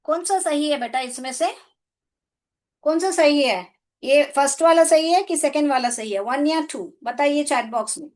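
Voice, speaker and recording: A woman's voice: high-pitched, moderate pace. A woman English teacher from India giving a live online class in Hindi, coaxing her pupils, asking them questions and calling them "beta". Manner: coaxing, calls students "beta", asks questions.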